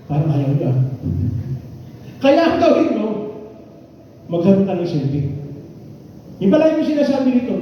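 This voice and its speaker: Filipino male preacher, lively sermon voice with many questions, picked up from far off in a reverberant hall. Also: very high-pitched, a little hiss or hum. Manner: asks rhetorical questions with tag "no?"; repeats key lines for emphasis. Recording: distant, echoey hall, dull sound.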